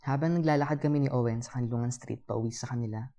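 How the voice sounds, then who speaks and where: A young man narrating a first-person story in a calm, reflective way. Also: medium pitch, quick pace.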